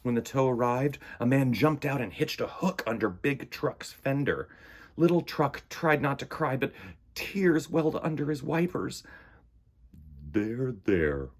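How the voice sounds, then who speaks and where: A man with a medium-pitched voice at a moderate pace reads a picture book aloud to children, stretching words and adding dramatic emphasis in an animated story reading.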